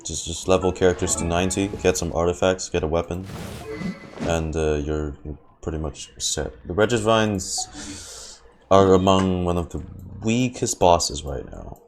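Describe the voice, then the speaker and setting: A man with a low voice and a measured pace gives casual live commentary as a game streamer. He rambles and keeps repeating words and phrases while game music plays behind him.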